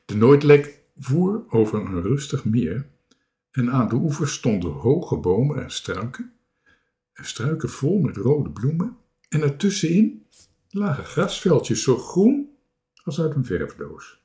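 A man reading a children's story aloud, slowly and expressively, with small voices for the characters. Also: mid-range voice, sing-song, mellow.

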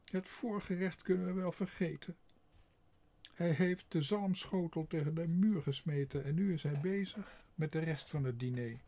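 A man reading a storybook aloud, voicing a shrill, snobbish lady of the house who scolds in a high, piercing voice. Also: moderate pace, warm tone. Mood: fretful. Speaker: employer of the cook.

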